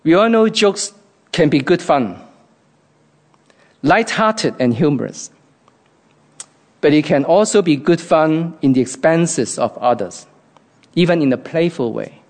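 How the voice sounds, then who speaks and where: A man's voice: fairly high pitch, animated, a little slow, long pauses. A man from Hong Kong with a Hong Kong accent, giving an earnest, reflective devotional talk.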